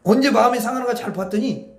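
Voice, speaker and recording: A man's voice: extremely high pitch, fast, roomy sound. A man preaching a Friday night prayer sermon, asking the congregation questions as he goes. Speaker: pastor. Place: church hall.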